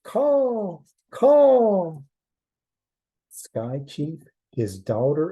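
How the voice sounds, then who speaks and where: A man telling a traditional trickster tale as a storyteller, in measured short phrases with deliberate pauses. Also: mid-range voice, dark tone, husky, low-quality recording.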